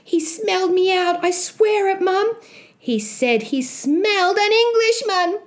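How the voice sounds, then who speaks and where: A woman voicing a cheeky, excitable young boy in a storybook, squealing and exclamatory. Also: extremely high pitch, a little slow, pitched above the performer's own voice. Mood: frightened.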